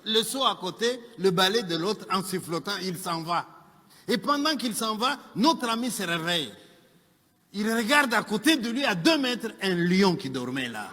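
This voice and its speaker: A man telling a joke as a lively story, with asides to his listeners. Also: high-pitched, moderate pace. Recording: long hall reverb, faint music.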